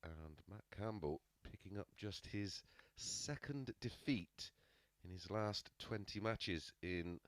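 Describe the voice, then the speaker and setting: Male, darts commentator, live match commentary, fairly low pitch, no room sound. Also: slow pace, hardly any pauses, dry recording.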